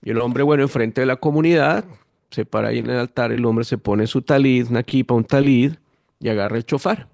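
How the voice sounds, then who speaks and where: A man's voice: medium pitch, fairly quick, vocal fry, no echo, studio quality. A Colombian man in his fifties with a Bogotá accent, a pastor telling his testimony animatedly in an interview. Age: 50s. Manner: lively animated storytelling, acting out quoted voices. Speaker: guest pastor. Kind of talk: storytelling testimony.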